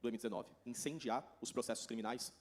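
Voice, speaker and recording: A man with a Brazilian Portuguese accent works as a consecutive interpreter at a conference. His mid-pitched voice moves very quickly through each translated passage. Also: a little hiss or hum. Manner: rapid, running translation.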